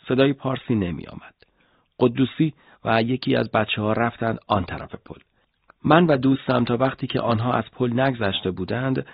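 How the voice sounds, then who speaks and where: A man narrating a first-person audiobook in a measured, steady storytelling voice. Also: mid-range voice, gravelly, slightly rough, no room sound. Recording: dull lo-fi audiobook recording.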